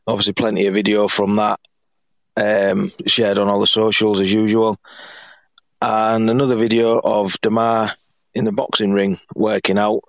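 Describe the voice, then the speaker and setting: A man with a hoarse, croaky frog-in-the-throat voice, hosting a casual sports podcast. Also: lowish voice, flat delivery, moderate pace, no room sound, muffled recording. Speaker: podcast host.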